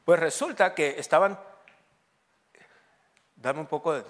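A Mexican-accented pastor in his forties preaches in a joking, storytelling way. His voice sits a little high for a man. He teases his listeners as he goes. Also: unhurried. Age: 40s. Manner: humorous storytelling, joking with the congregation. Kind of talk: sermon.

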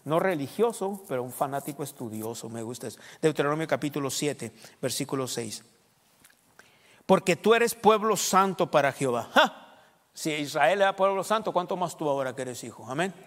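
A man preaching a sermon as a pastor, emphatic and animated, with quick asides and quips. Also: a little high, in a large hall.

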